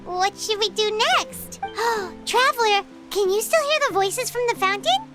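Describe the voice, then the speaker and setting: Chirpy little fairy sidekick for a game: extremely high, animated childlike voice over loud music. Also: female voice, unhurried. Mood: excited, curious. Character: tiny excitable childlike female floating fairy companion. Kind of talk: video game character dialogue.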